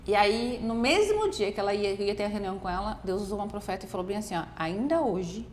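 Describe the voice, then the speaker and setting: A woman telling a personal faith story in casual conversation, animated and often acting out what others said. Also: mid-range voice, fast. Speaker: guest. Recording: faint background noise.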